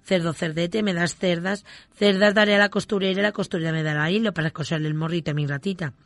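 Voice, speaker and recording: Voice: medium pitch, fairly even intonation, quick pace, no room sound, lightly acted. A storyteller voicing a devoted little lame male kitten who asks for help in fond, rhymed pleas. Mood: pleading. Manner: fond, pleading rhymed requests.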